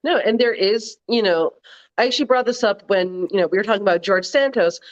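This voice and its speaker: A woman's voice: mid-range voice, fairly quick. A woman with a mid-range voice talks in a casual podcast chat. She is conversational and agreeable, with plenty of fillers. The recording sounds dull and lo-fi. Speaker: co-host.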